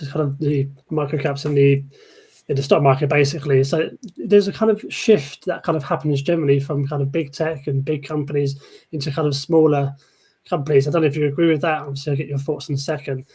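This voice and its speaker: A man giving his chart analysis in a casual market chat, rushing and hedging with constant "kind of". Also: a little high, darkish tone, slightly rough. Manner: rushed, heavy on hedges like "kind of".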